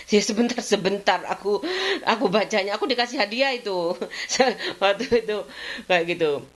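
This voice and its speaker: A middle-aged woman, chatting at home in a rambling, venting way, her voice jumping up in complaint and sinking to low murmurs. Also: normal speed. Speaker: vlogger. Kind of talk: casual chat.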